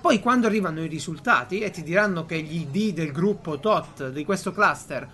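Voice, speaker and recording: Animated Italian-speaking man chatting, repeating for emphasis. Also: a little high, fairly quick. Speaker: podcast host. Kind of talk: casual chat.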